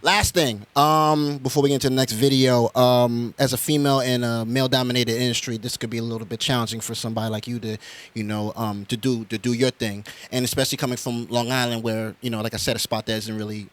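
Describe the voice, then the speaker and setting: A man's voice: mid-range voice, level tone, quick pace. A man hosting a music video show, interviewing casually with hyped slang and lots of back-and-forth affirmations. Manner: hyped slang, repeats "right, right". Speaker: show host.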